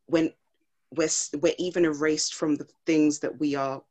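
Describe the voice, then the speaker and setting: A woman guest on a podcast who speaks earnestly and thoughtfully, often pausing to find her words. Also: deep voice, fairly even intonation, a little mellow. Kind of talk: casual podcast conversation.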